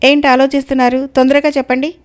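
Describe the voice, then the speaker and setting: A woman's voice: sits high, little pitch movement, quick pace, lightly acted. A woman voicing a sly old female cat who fakes being deaf, in a coaxing, falsely frail manner.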